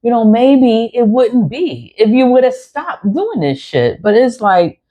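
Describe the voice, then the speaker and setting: A spiritual vlogger in her forties rants bluntly at her viewers in an unscripted monologue, swearing often and driving points home with repeated, emphatic phrases. Her voice is a little high yet dark in tone, with big pitch swings at a measured pace, in a dull lo-fi recording.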